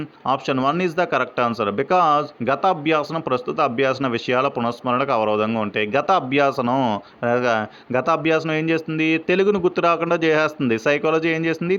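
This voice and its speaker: A man works through exam questions in a revision lesson, posing each question and then answering it. His voice is smooth and resonant at a middle pitch. The recording sounds dull and lo-fi. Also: a bit bright. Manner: asks questions then answers them, mixes in English phrases. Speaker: exam-prep teacher.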